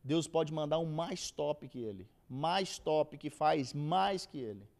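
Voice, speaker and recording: A man's voice: on the high side, lively intonation, slow, creaky, a little mellow. A man with a Brazilian accent teaching a casual church Bible lesson, acting out quoted speech in everyday slang. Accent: Brazilian Portuguese. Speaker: theology teacher.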